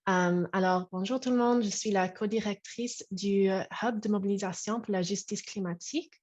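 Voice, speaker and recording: A woman's voice: mid-range voice, a little mellow. A woman presenting as co-host at a bilingual online event, speaking over a video call. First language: English. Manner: halting and searching when speaking French. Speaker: co-director of an activist hub, event co-host. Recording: dull, lo-fi video call audio.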